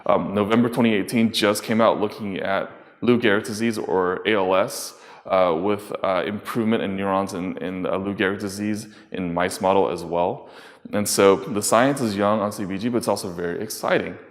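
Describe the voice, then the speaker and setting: A low-voiced man explains a scientific topic as a medical advisor, halting often with fillers and restarts. His voice trails into a long reverb. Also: fairly even intonation. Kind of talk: explanatory talk.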